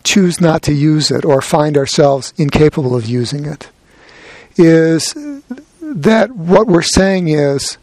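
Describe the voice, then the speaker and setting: A man giving a gentle, reflective dharma talk as a meditation teacher, with a light touch of humor. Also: fairly high pitch, slow pace, no room sound.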